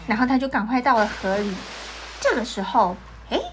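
A woman telling a children's story in an animated, sing-song way, talking to the kids. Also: a little high, fairly quick, faint music behind.

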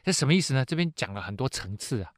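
A man hosts a Bible teaching program. His voice sits at an ordinary middle pitch, and the recording is dry and close, with no room sound. He tells the stories in a chatty way, stretching out filler particles and acting out the characters' lines as he goes. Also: racing, no echo. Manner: lively storyteller who acts out quoted speech.

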